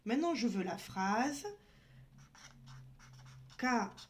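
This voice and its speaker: A woman's voice: fairly high pitch, lively intonation, slow, slight background noise. A woman teaching a beginners' language lesson, patiently spelling out each letter and sound as she writes. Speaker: Arabic teacher. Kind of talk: slow step-by-step lesson.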